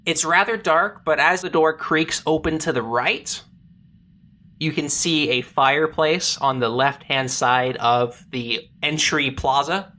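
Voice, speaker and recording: Bright-voiced tabletop game master. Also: mid-range voice. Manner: describes scenes in plain detail, pausing to search for words. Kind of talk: narrating a comedic tabletop game.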